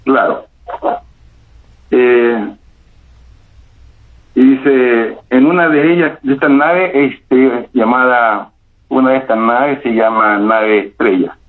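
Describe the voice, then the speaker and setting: Middle-aged Chilean man on a tinny phone line. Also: mid-range voice. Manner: halting, repeats himself, many restarts. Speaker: caller telling a paranormal experience. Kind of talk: first-person storytelling.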